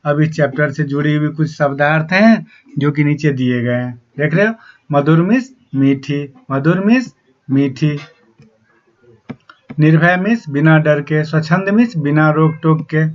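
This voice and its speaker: A male teacher explaining a poem to young pupils, reading the verses slowly and then explaining them, often adding a questioning "na". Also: on the high side. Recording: dull lo-fi sound.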